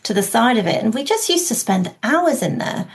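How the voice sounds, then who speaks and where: A Welsh woman in her forties, an outdoor learning specialist, talks reflectively as a podcast guest in casual conversation, using many fillers and restarts. Her voice is on the high side with big pitch swings, at normal speed.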